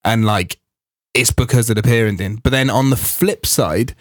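A young man co-hosting a podcast, telling stories in an animated, slangy way full of swearing. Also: medium pitch, moderate pace. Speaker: podcast co-host. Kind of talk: casual chat.

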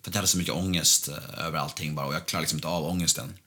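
A man's voice: rumbling low, steady tone, pushed and bright. A man guest telling a candid story in casual conversation, bluntly and with plenty of swearing.

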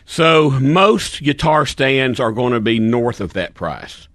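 A man's voice: mid-range voice, animated, takes it slowly, fairly bright tone. A middle-aged man on a casual podcast, a folksy storyteller who laughs easily and explains products plainly. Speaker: company founder and podcast regular.

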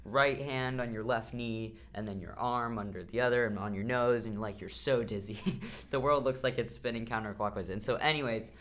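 A hoarse young co-host who has lost their voice, chatting casually in a rambling way with many ums and restarts. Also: mid-range voice, moderate pace, hardly any pauses, a bit bright. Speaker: camp podcast co-host. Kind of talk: casual chat.

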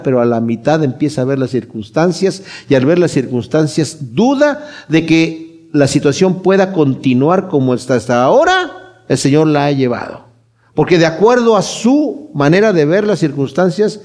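Male pastor, higher-pitched, lively sermon delivery with dramatic drops to near-whisper. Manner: animated preaching, shifting between loud and hushed; acts out quoted voices while retelling.

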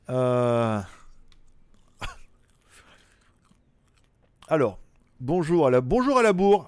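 A man's voice: a little high, no room sound. A man hosting a live stream, casually chatting and reading out viewer comments, joking and chuckling often in rambling asides.

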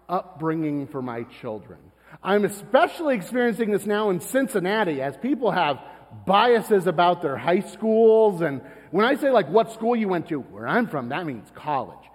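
Pastor, male, from Florida, higher-pitched voice with a husky edge, chatty storytelling sermon. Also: big pitch swings, unhurried. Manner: conversational, storytelling, self-deprecating asides. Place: church sanctuary. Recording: long reverb of a church hall.

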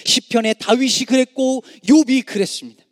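A middle-aged man preaching a sermon, swinging from impassioned rising cries to hushed, low endings. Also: fairly even intonation, normal speed, no room sound, clean studio sound, big-room sound. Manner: dramatic rises and hushed drops, voicing anguished cries to God. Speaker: pastor.

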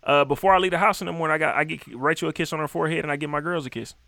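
A man chatting in a loose, profane group banter style. He talks fast in a slightly high voice, full of slang, recorded close and dry. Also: creaky, sharp tone, no echo.

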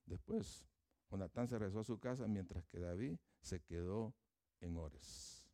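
A man preaching, talking to his congregation in a relaxed, conversational way. His voice is warm and mellow. The sound is dry and close, with no room echo. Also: lowish voice, unhurried. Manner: conversational, with fillers and informal asides. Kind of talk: sermon.

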